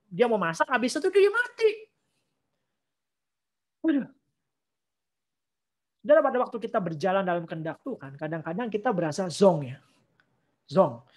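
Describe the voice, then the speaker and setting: A woman giving a casual online sermon. She mixes in slang and English phrases and acts out the people in the story with playful voices. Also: mid-range voice. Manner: lively, acts out Bible figures in playful voices. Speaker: preacher.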